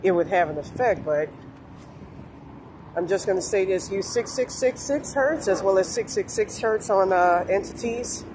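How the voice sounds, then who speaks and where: Woman, 40s, halting rambling talk, phone at arm's length, outdoors, faint street noise. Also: mid-range voice, lively intonation. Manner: meandering, halting, with frequent fillers and swearing. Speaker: vlogger. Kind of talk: rambling spiritual vlog. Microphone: phone held low at arm's length. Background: faint street noise and passing cars.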